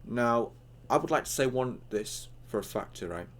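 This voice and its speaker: A man's voice: medium pitch, lively intonation, normal speed, slight background noise. A young man with hiccups giving a casual, rambling online tutorial, full of fillers and acted-out chat lines.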